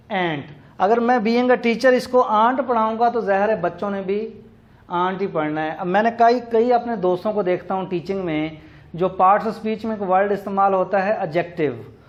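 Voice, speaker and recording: A man giving a recorded lecture on teaching English words, explaining slowly and spelling words out letter by letter. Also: high voice. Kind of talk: classroom lecture. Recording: dull lo-fi recording.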